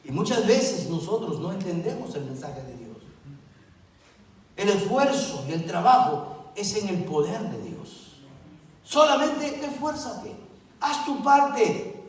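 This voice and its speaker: A man's voice: high voice, very animated, measured pace, a little mellow. A middle-aged male pastor preaching a sermon, emphatic, repeating key words and putting questions to the congregation. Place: church sanctuary. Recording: echoey church hall, distant mic.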